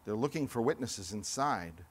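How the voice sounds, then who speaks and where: A man from California preaching a sermon, moving between loud, emphatic lines and quiet, low asides, and acting out accusers' voices. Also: lively intonation, normal speed, slightly rough. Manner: acts out accusers' lines with raised voice. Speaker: pastor.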